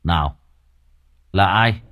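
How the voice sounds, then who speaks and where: A man doing a calm mocking exorcist. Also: low-pitched. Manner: unhurried, mocking.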